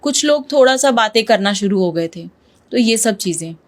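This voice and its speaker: A woman's voice: on the high side, animated, moderate pace. A woman guest in an interview, telling a true ghost story in a vivid way and slipping English words into her Hindi. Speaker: podcast guest.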